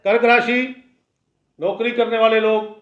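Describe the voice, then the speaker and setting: A man's voice: sits high, flat delivery, a little slow, a bit bright. A man giving a daily horoscope as an astrologer, talking bluntly and warning listeners in a conversational, lecturing way. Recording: echoey room, dull lo-fi sound.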